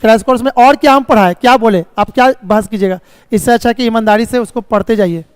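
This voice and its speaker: A man's voice: very high-pitched, fast, smooth, no echo, big-room sound. A man teaching a reasoning class live, explaining step by step, checking often if students follow, and sometimes scolding them about the course. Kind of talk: live online class lecture.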